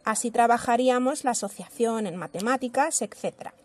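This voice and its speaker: A woman from Spain, an English teacher giving a slow pronunciation lesson, modeling words carefully and explaining them. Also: fairly high pitch.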